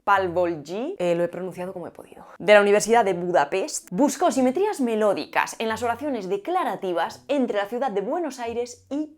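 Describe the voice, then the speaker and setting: Playful woman. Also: medium pitch. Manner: playful, asks and answers her own questions. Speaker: linguistics video host. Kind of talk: scripted educational explainer.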